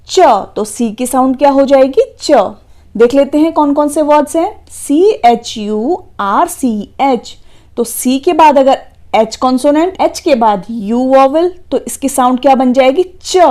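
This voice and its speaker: A woman teaches phonics to children at a deliberate, unhurried pace. Her voice is mellow and slightly high, and she spells each word out letter by letter before asking and answering her own questions. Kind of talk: kids' phonics lesson.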